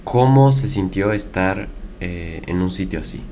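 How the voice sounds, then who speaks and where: A man's voice: deep voice, animated, a little slow, a little mellow, slight background noise. A man hosting a casual podcast interview, asking questions and giving short reactions. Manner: short prompts and brief reactions. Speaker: podcast host.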